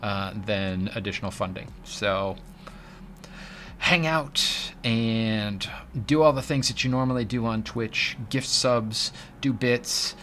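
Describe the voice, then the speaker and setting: A man's voice: on the low side, slow, a bit bright, a little hiss or hum. A man hosting a casual livestream, chatty and joking, reading chat aloud. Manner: chatty, joking, drops into silly voices. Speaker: livestream host.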